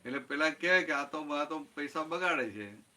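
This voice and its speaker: A man's voice: a little high, lively intonation, moderate pace, bright, forceful tone. A man giving a satsang talk as spiritual teacher, explaining with everyday examples and often checking that listeners follow. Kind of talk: satsang talk answering a question.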